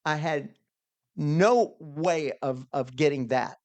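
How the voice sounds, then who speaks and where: Middle-aged man, podcast guest, earnest storytelling, slightly high voice, dry close mic. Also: takes it slowly, darkish tone, dry recording. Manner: earnest, with frequent restarts and repeated words. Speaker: guest, small business owner. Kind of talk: conversational storytelling.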